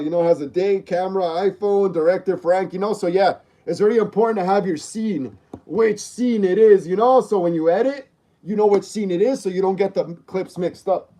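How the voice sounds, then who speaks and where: A livestream host in his thirties, with a fairly high but mellow voice, runs a laid-back stream where he reads viewer comments aloud and answers them. He is chatty and repetitive, peppering his replies with slang like "bro" and "dog."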